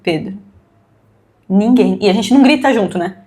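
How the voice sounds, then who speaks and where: A woman's voice: medium pitch, normal speed, dark tone. A woman with a Brazilian Portuguese accent, a podcast host and mother, talking earnestly in casual conversation and acting out the quotes she tells. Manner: earnest, explains at length and acts out quoted speech.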